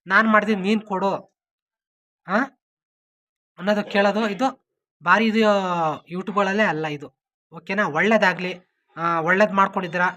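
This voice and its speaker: A woman vlogger speaks with an earnest, pleading tone and asks "okay?" again and again. Her voice is bright and sharp at a middling pitch. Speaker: YouTuber. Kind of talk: emotional appeal to viewers.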